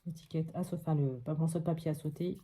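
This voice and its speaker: A woman's voice: deep voice, steady tone, quick pace. A woman from France talking through a scrapbooking project step by step, with frequent fillers and little "hop" sounds as she works. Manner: narrates each step with many fillers and soft "hop". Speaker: crafting vlogger. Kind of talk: casual crafting commentary.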